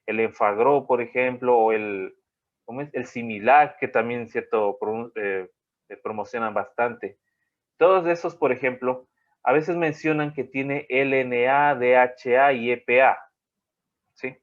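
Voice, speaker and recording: A man's voice: mid-range voice, measured pace. A man teaching an online class in a rambling way, often checking in with his students. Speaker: college teacher. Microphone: video call. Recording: dull lo-fi video call audio.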